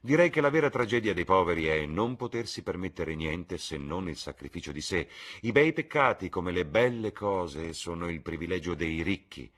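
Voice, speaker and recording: A man voicing a witty, cynical aristocratic gentleman in an audiobook reading, with a husky voice and a drawling, ironic delivery. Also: deep voice, lively intonation, moderate pace, voice pushed up.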